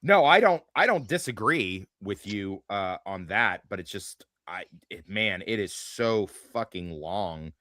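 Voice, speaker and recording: A man's voice: on the low side, animated, measured pace, hardly any pauses, pushed and bright, no room sound, studio quality. A man hosting a casual panel chat, rambling and swearing freely, laughing often as he goes. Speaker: podcast host.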